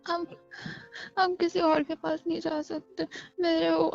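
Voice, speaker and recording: A woman's voice: very high voice, little pitch movement, a little slow, darkish tone, lo-fi sound, soft background music. A woman voicing a frightened young wife in a romantic audio drama, crying and pleading. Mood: tearful. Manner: sobbing, pleading.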